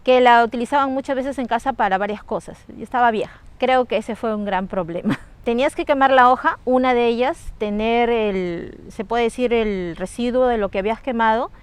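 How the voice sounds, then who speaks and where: Clear-voiced Peruvian woman recounting a memory. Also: fairly high pitch, fairly quick, dry recording. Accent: Peruvian Spanish. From Peru. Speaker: storyteller sharing a personal experience. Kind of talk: casual spoken anecdote.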